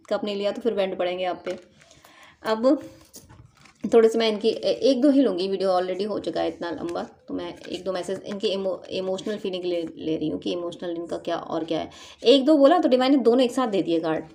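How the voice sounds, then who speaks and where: A woman giving a tarot reading, talking animatedly and acting out what people would say. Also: medium pitch. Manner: animated, acts out quoted lines with laughs. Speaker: tarot reader.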